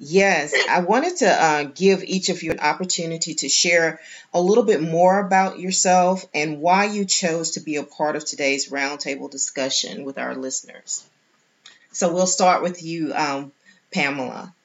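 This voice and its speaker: A woman hosting a round-table podcast, introducing guests in a measured, formal way with some hesitations. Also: low voice. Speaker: host. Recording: dull lo-fi sound.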